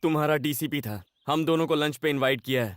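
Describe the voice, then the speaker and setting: A man's voice: fairly high pitch, quick pace, no room sound, studio quality, close to an everyday voice. A man voicing a cheeky, playful young hero in a dubbed film, teasing and pleading by turns. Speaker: male lead. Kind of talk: Hindi film dubbing.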